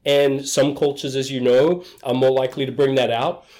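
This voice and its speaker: A middle-aged man with an Australian accent talks through his background as an interview guest. He speaks in a relaxed, enthusiastic way, with a voice of middling pitch. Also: normal speed. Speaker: guest, HR executive. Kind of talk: conversational interview.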